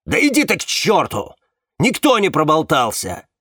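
Man doing a hot-tempered, yelling man. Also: fairly high pitch, huge pitch swings, normal speed, husky, no echo, clean studio sound, pitched above the performer's own voice, heavily acted. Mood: furious. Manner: shouting, cursing.

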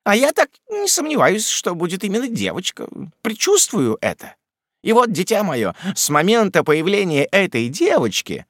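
A man voicing a stern, imperious elderly aunt in an audiobook, speaking in a high, clipped, scolding and impatient way. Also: huge pitch swings, normal speed, fairly bright tone, dry recording, studio quality, full character voice. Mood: commanding. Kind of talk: audiobook character reading.

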